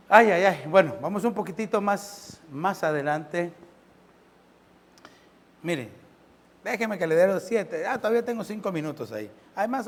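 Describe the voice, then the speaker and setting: A pastor preaching a sermon. He keeps asking the congregation questions and swings between loud and soft. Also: on the high side, big-room sound.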